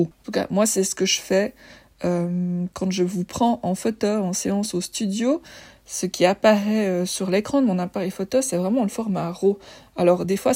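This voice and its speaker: A woman's voice: mid-range voice, mellow, husky. A woman with a lisp on her s sounds, explaining things informally and conversationally as a photographer presenting.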